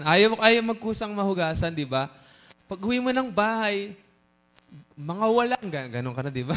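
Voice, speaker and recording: Bright high-voiced lively preacher man. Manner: lively, teasing the congregation with asides; mixes Tagalog and English. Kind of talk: sermon. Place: church service.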